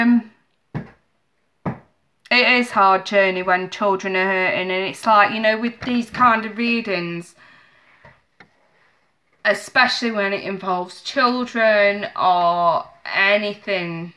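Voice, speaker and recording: A tarot reader in her thirties is live-streaming from her small home office, her mid-range voice stuffy and bunged-up as she chats casually, emotionally and apologetically with viewers. She speaks slowly with frequent pauses, in a bright, forceful tone. The webcam on her desk picks up slight background noise.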